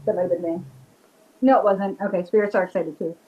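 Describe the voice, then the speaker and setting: Her voice is lowish and fairly even, and she talks fast over narrow, tinny audio. This guest, a Rhode Island witch and paranormal investigator with a local accent, chats eagerly in a casual video-call interview, full of "like."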